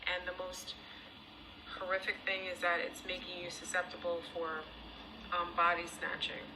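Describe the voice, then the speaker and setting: A tired woman speaking directly to her viewers in an urgent, warning monologue, pausing often with fillers. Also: lowish voice, flat delivery, background noise. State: sleepy, tired. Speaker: vlogger.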